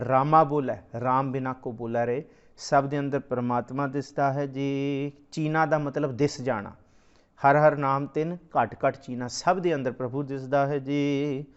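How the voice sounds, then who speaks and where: A man giving a scripture discourse, moving between slow, drawn-out chanting of verses and plain explanation. His voice sits at an ordinary middle pitch. The recording sounds dull and muffled. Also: smooth. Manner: chants scripture lines slowly, then explains them. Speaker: Sikh scripture teacher. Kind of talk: religious discourse.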